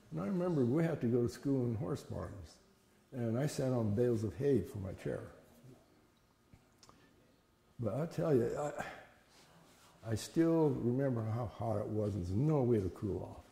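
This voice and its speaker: In a room with long, echoey reverb, a man aged 70 or more tells stories from his childhood in an oral-history interview. He speaks plainly and conversationally, pausing now and then, in a mid-range voice that is very soft-edged, dark and creakily gravelly.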